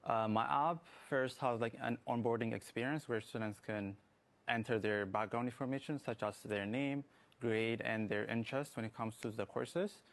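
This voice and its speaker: A young man who grew up in Ethiopia, a student guest in a morning TV interview, speaking haltingly with many fillers. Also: mid-range voice, steady tone. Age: young adult. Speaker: guest, student app developer.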